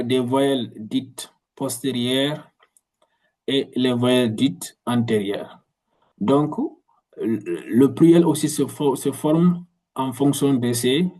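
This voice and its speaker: A man teaching a language in a video lesson, explaining slowly and repeating words, often restarting his sentences. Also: mid-range voice, mellow, poor audio. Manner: slow, repetitive explanations with frequent restarts.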